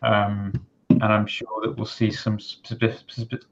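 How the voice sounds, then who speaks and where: A man with a British accent chatting casually on a podcast, animated and profane, playfully indignant. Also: on the low side, slow, creaky, highs cut off. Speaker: podcast co-host.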